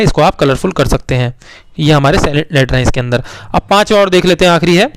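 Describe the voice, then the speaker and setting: Male teacher walking little kids through spelling, slow and repetitive, dry close sound. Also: on the high side, no room sound. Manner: spells words letter by letter and repeats them slowly; coaxing, addresses children as beta. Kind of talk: patient classroom explanation to young pupils.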